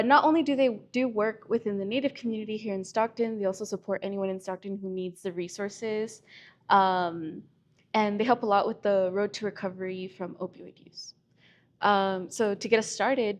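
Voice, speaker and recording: A woman co-hosting a podcast interview, asking questions in an easygoing way with frequent fillers. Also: medium pitch. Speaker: podcast co-host.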